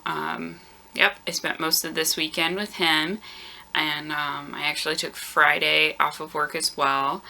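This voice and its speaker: Recorded on a camera mic in a warm home room, a thirty-something woman chats casually through her knitting video podcast, dropping lots of ums. Her voice is very low and gravelly, with a tired, groggy sound.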